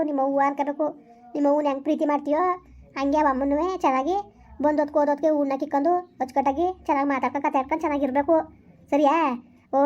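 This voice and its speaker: A woman playing an elderly village woman with a rural Karnataka accent who sends off the bride in a comedy skit, giving fast, bossy advice and scolding. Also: high voice, a little mellow, natural voice. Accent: rural Karnataka Kannada. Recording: dull lo-fi recording.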